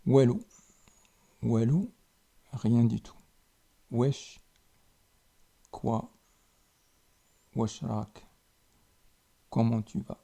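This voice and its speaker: A man teaches a language lesson, saying each word slowly and then repeating it. His voice is very dark and mellow, with a gravelly edge. It also sounds a little husky. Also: medium pitch, steady tone. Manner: slow and deliberate, repeating each word with pauses. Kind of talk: slow spoken lesson.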